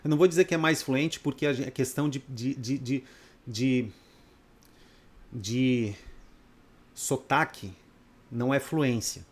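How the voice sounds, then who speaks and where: A little slow and with long pauses, a mid-range male voice belongs to a man from Brazil teaching a trading course. He lectures students off the cuff in a blunt, profane style, asking many rhetorical questions.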